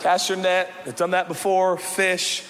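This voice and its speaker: A man preaching a sermon as pastor, swinging from loud shouts to hushed, low passages. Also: monotone, measured pace, big-room sound, noisy background. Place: church sanctuary.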